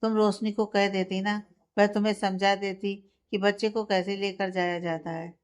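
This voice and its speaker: A woman's voice: medium pitch, flat delivery, normal speed, smooth, lightly acted. Woman voicing a scolding young husband. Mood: angry. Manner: sharp, reproachful.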